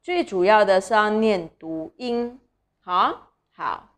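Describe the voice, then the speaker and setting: A young woman teaches small children to read, sounding out syllables slowly. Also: medium pitch, lively intonation. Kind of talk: children's reading lesson.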